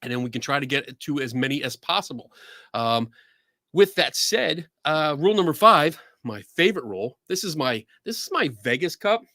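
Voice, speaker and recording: Hosting a casual livestream chat, a podcast host with a Philadelphia accent gets excitable, laughing a lot and breaking into cheers. He speaks at normal speed in a bright, forceful, high voice with wide pitch swings, captured in studio quality with no room sound.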